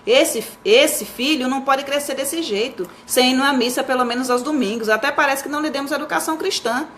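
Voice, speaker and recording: A woman's voice: on the high side, fairly bright tone, slight background noise. A woman reading aloud and voicing an indignant, pious mother who scolds her son.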